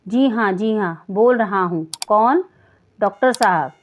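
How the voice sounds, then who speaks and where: A woman's voice: mid-range voice, a little slow, a little hiss or hum, lightly acted. Woman reading as a puzzled worried father. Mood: on the phone. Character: worried middle-aged father of a sick boy. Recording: dull lo-fi recording.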